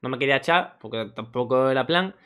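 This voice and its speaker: A man's voice: medium pitch, fast, smooth. A young man with a Spain Spanish accent, casually telling funny anecdotes and acting out the voices of people in them. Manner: jokey, animated, acts out voices in the story. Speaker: streamer and YouTuber.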